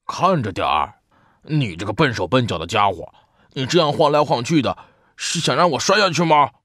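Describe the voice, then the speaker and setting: A man's voice: medium pitch, sing-song, normal speed, dry recording, clean studio sound. Male reader doing a cocky, scolding cartoonish big-brother anteater, storybook read-aloud. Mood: irritated. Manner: impatient, scolding. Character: boastful bossy young anteater big brother.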